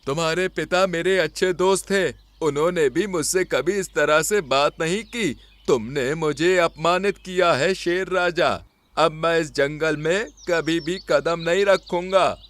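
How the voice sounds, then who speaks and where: A man's voice: a little high, sing-song, unhurried, fairly bright tone, voice pushed up. A man voicing a stern, proud old male bear who speaks indignantly in a somewhat raised voice.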